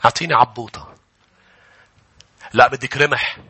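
A male pastor, preaching an impassioned sermon that often rises to shouts. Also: mid-range voice, normal speed, slightly rough.

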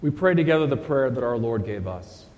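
A man's voice: mid-range voice, expressive, fairly quick, a little mellow, faint music behind. A man leading the communion liturgy as pastor, solemn and formal, his voice carrying a long echo through a large church. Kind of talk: chanting and speaking the communion liturgy. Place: church sanctuary.

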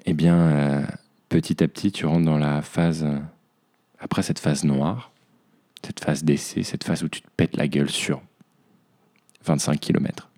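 A man's voice: a bass voice, steady tone, measured pace, pauses often, mellow. A young man hosting a podcast, speaking in a reflective personal monologue and talking to himself as "tu". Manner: introspective, addresses himself as "tu". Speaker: podcast host.

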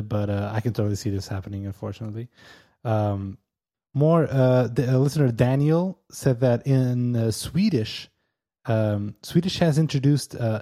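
This podcast co-host is a man whose first language is Portuguese, with a mellow, mid-range voice. Chatting casually, he halts and hesitates, leans on fillers, and laughs softly a lot.

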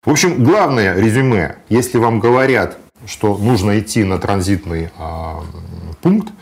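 A man with a lowish, expressive voice speaks at a measured pace during a conversational interview. Sharing his travel experience as a guest, he gives down-to-earth practical advice, punctuated by frequent hesitation sounds.

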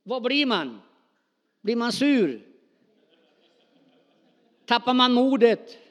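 A man's voice: very high voice, muffled recording. A middle-aged man preaching a sermon, talking spontaneously and calling out questions to the congregation in a church hall. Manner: animated, spontaneous, calls out to the congregation. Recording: long hall reverb.

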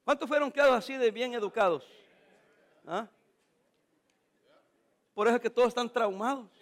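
High-voiced joking pastor. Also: male voice, moderate pace. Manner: jokey, storytelling preacher, playful. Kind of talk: sermon.

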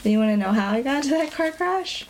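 A young woman hosting a casual podcast chat, talkative and quick to laugh. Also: high-pitched, animated. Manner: chatty, giggly, quick to laugh. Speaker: podcast host.

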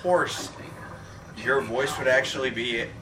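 A man's voice: mid-range voice, unhurried, a loud crowd, poor audio. A man co-hosting casual movie commentary, bantering and exclamatory as he reacts. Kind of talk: casual film reaction chat. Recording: clear background noise.

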